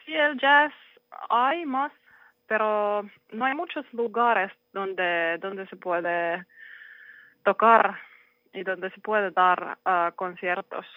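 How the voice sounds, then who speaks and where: Slow, halting Finnish speaker on a tinny line. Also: mid-range voice, no echo. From Finland. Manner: halting, searching for words with many pauses. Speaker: guest jazz saxophonist. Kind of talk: interview answers in a learned language.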